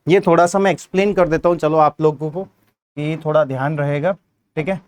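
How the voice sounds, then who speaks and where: Speaking a little fast in a steady tone, this man has a fairly high voice and a Hindi accent. He teaches grammar for exam prep, explaining each step and answering his own questions.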